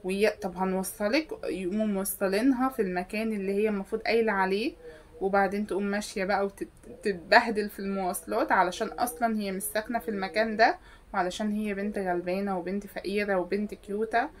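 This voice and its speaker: A woman's voice: medium pitch, steady tone, fast. Sarcastic Egyptian woman scolding. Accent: Egyptian Arabic. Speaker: comedy sketch creator. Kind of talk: comedic monologue to camera.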